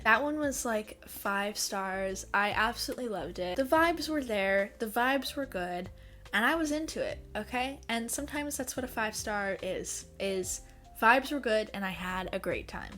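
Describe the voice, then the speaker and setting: A young woman reviewing books in a casual vlog, expressive and dramatic, swinging between gushing and mock outrage. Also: medium pitch. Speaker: book vlogger. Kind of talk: casual book review monologue.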